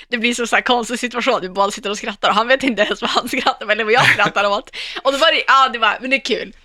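Bright-voiced chatty woman. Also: mid-range voice, no echo, clean studio sound. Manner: chatty, laughs often, tells stories. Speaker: podcast co-host. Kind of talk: casual chat.

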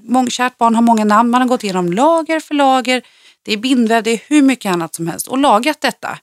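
Woman, trainer, lively storyteller, dry close mic. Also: on the high side, no room sound. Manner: lively storyteller, swings up when excited. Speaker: personal trainer and podcast co-host. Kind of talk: casual podcast chat.

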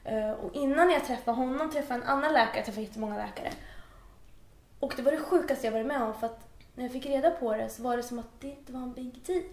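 High-voiced young woman telling her story. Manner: animated storyteller who acts out quoted dialogue. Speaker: podcast guest. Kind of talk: casual conversation, personal story. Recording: roomy echo.

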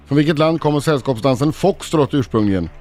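A man reading quiz questions at a brisk, even pace on a morning radio show. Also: fairly high pitch, soft background music.

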